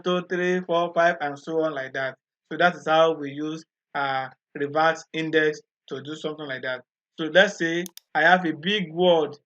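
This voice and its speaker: A programming tutor with a slightly high, bright voice narrates a screen-recorded coding walkthrough, going slowly and patiently. He explains every step and often repeats himself, and the audio sounds dull and lo-fi.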